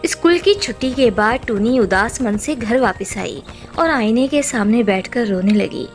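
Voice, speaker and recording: A woman narrating a children's cartoon story in an expressive, gentle way. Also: a little high, a little slow, faint music behind.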